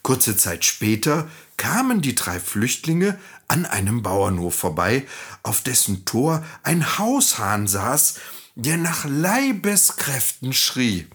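A man reading a fairy tale aloud to children in a gentle, friendly, expressive manner. He takes his time, lets his voice rise and fall widely, and has a slightly husky tone. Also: mid-range voice, slow.

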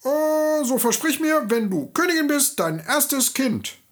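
A man voicing a tiny, wheedling male goblin who bargains for gold with a high, fluting voice. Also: sing-song, a little slow, full character voice.

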